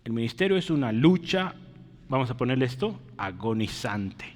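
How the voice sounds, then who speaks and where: A man's voice: medium pitch, very animated, normal speed, big-room sound. A man preaching a teaching sermon, explaining step by step, often checking that listeners follow and calling them brother. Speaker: preacher teaching a Bible study.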